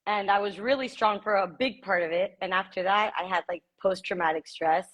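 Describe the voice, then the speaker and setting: A woman's voice: medium pitch, a little fast, dull audio. Chatty woman in her forties. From Miami, United States. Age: 40s. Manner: emotional, chatty, laughs often. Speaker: guest. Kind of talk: casual chat. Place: living in Ecuador.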